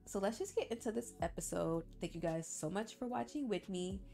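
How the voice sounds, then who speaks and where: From a small indoor bedroom, this young woman hosting a reaction channel chats casually with viewers while sick with the flu, her voice congested and stuffy. She speaks at medium pitch, a little fast and animated, with vocal fry and a warm tone. Faint music sits behind her.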